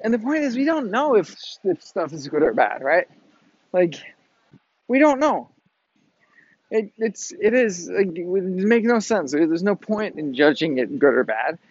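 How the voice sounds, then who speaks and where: A man's voice: high voice, big pitch swings, unhurried, no echo, muffled recording. A man giving a blunt motivational monologue to his viewers outdoors, swearing freely and tagging his points with "right?". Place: outdoors in the wind.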